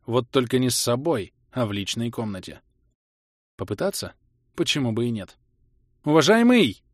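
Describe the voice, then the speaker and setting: Wry male audiobook narrator, lively. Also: mid-range voice, moderate pace, no room sound, studio quality. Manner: wry, ironic storytelling. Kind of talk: first-person audiobook narration.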